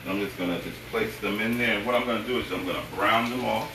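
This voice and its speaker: A middle-aged man with a lowish voice works as a cooking show host, explaining each step in short, casual phrases and approving asides. He is recorded a little away from the mic in an echoey kitchen, with pans sizzling loudly behind him. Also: fast, recorded from a distance, background noise. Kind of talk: cooking show host demonstrating a recipe to viewers. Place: home kitchen, indoors. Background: frying sizzle and stirring.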